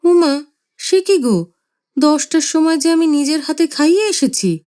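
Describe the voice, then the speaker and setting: A woman voicing a sharp-tongued middle-aged mother who scolds in a shrill, scornful way. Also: expressive, a little slow.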